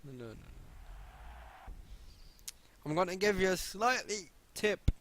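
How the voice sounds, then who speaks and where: A man from continental Europe outside the British Isles commentates on a game during a live stream, joking, swearing freely and answering chat in an excitable way. His voice is high and brisk, with a little hiss or hum in the audio.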